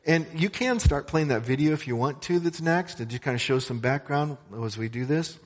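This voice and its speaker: A man's voice: on the high side, moderate pace. A man from a missions organization telling a story to a church congregation in a conversational way, with asides to the audience. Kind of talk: church talk. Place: church sanctuary. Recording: long hall reverb.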